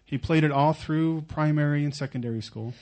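A man from Oklahoma preaching a sermon in short, earnest phrases, pausing so an interpreter can follow. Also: on the high side, darkish tone. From Oklahoma, United States. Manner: earnest, pausing after each phrase, occasional stumbles.

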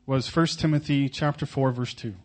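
A man from Oklahoma preaching a sermon in short, earnest phrases, pausing so an interpreter can follow. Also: mid-range voice, fairly even intonation. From Oklahoma, United States. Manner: earnest, pausing after each phrase, occasional stumbles.

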